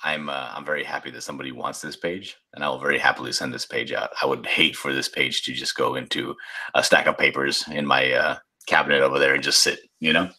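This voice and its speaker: A man in his sixties with a raspy smoker's voice, chatting casually and teasingly on a livestream. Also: rumbling low, fairly even intonation, fast talker, bright, forceful tone. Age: 60s. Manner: joking, teasing. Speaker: artist and co-host of an online art auction.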